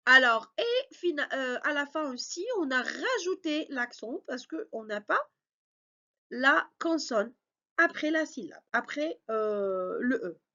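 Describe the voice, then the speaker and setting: High, lively woman teaching slowly. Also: dull audio. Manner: slow, patient, explains step by step with frequent "alors" and "d'accord". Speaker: French teacher. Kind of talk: spelling lesson.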